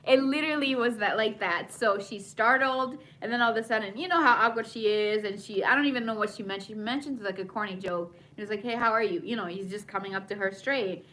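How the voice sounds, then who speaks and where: A woman recapping a TV episode in a casual, animated way, rambling into asides and laughing often. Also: medium pitch. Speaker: TV recap vlogger.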